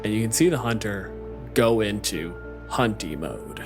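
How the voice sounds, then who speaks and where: A fairly low, animated male voice, a little slow, narrates an improvised tabletop roleplaying game as game master. He's casual and sweary, and background music plays throughout.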